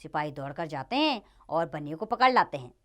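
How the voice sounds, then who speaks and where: A woman teacher reading a play aloud for children, pausing to explain words. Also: sits low, big pitch swings, a bit bright. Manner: clear, explanatory.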